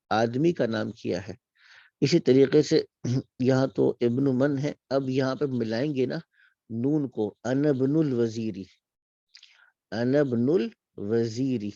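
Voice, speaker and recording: A man with a Pakistani Urdu accent, teaching an online Arabic class. He reads Arabic phrases slowly and drawn out, then explains them briskly. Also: medium pitch, gravelly, dark tone, no room sound. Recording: dull, dry lo-fi sound.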